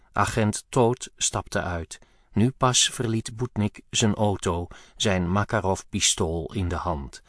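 A man with a fairly low voice reads a grim story aloud in a measured, tense way. The sound is close and dry, with no room around it. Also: fairly bright tone, dry recording. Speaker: audiobook narrator. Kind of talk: scripted narration.

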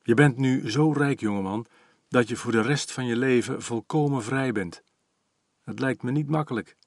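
A man doing a hearty, brisk old notary. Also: medium pitch, dry recording, studio quality, lightly acted. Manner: hearty, brisk, slightly teasing. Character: jovial, blunt older male notary.

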